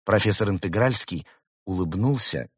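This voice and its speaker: A man's voice: lowish voice, animated, normal speed, breathy edge, dry recording, clean studio sound. A man reading a children's storybook aloud, narrating expressively and voicing the characters.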